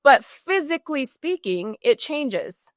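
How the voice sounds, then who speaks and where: A woman's voice: sits high, sing-song, dry recording, clean studio sound. A woman guest on a podcast, answering with enthusiasm in a coaching tone. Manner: enthusiastic, coaching tone with quick acted examples. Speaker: podcast guest, customer service trainer. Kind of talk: energetic interview answers.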